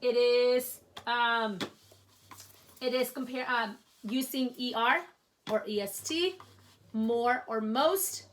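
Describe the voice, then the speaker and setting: A woman teacher walks through a grammar lesson in a high voice. She talks slowly and patiently, often pausing to check in with "okay?" as she writes on a board. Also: fairly bright tone, a little hiss or hum. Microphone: writing at a board while talking.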